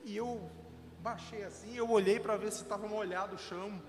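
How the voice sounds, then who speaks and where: A man's voice: high-pitched, steady tone, normal speed, big-room sound, soft background music. A man, a pastor preaching a sermon with an earnest, emotional personal testimony. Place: church sanctuary.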